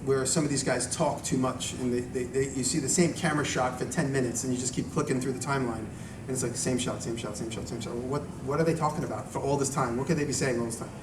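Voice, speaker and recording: A man's voice: mid-range voice, steady tone, quick pace, hardly any pauses. Echoey, distant man giving an informal talk. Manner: conversational, rambling, self-interrupting. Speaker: video maker giving a talk and taking audience questions. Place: echoey room at a live event. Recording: echoey room, distant mic, noisy background.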